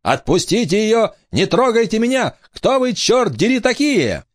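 A man's voice: very high voice, wildly swooping pitch, a little slow, dry recording, studio quality, pitched above the performer's own voice, full character voice. A man voicing a frightened young girl held captive, crying out in a panicked, pleading way.

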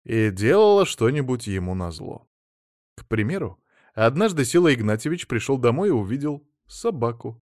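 A man reading a humorous story aloud in a wry, expressive way. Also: medium pitch, normal speed, no echo, clean studio sound. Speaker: audiobook reader.

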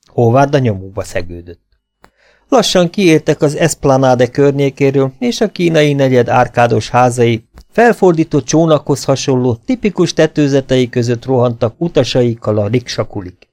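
Mellow-voiced man reading a story. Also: mid-range voice. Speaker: audiobook reader. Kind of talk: storybook narration with dialogue.

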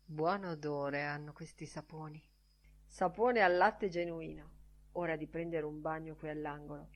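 A woman reading a literary audiobook aloud in a musing, expressive way. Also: sits low, measured pace. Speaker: audiobook reader.

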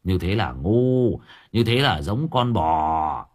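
A man voicing an arrogant young village thug who talks low, slow and taunting. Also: animated, exaggerated voice. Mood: scornful.

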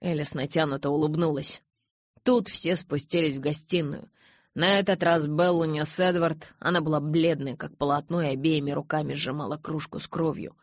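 A woman narrating a novel in the first person in an even, measured reading voice. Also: sits low, dry recording, clean studio sound. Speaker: audiobook reader.

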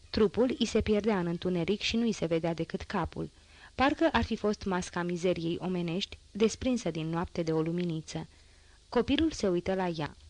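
A woman narrating a classic novel as an audiobook, in a measured literary reading. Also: lowish voice, darkish tone, dry recording. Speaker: audiobook reader.

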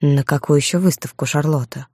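A woman's voice: low voice, fairly even intonation, brisk, a little mellow, breathy edge, dry recording, studio quality. A woman voicing a stern, haughty aristocratic viscountess who speaks in a cold, clipped, commanding way. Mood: cool.

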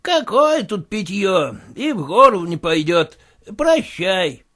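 A sly, aggrieved merchant who teases even while complaining, voiced higher and brighter by a man reading the story. The delivery is drawn out and lively in pitch. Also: takes it slowly, heavily acted. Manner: sly, teasing. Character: mocking, aggrieved male merchant acquaintance.

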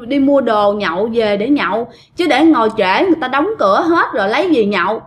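A woman voicing a sharp-tongued, scolding woman from a traveling fair troupe, with a Southern Vietnamese accent. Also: a little high, expressive, brisk, close to an everyday voice. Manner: curt, scolding. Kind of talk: retold quote in storytelling.

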